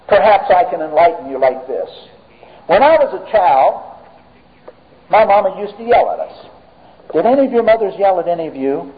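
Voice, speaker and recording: Man, pastor, dramatic sermon, rises loud then drops hushed, fairly high voice, tinny phone-like sound. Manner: dramatic preaching that swings between loud and hushed; engages the congregation with questions. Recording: tinny, phone-like sound with long hall reverb.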